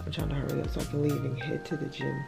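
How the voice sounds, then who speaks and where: A woman's voice: little pitch movement, very fast, gravelly, music in the background. A woman in her twenties vlogging casually from her car, laid-back and swearing freely. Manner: laid-back, swears freely, low and drowsy early morning. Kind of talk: casual vlog chat. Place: parked car.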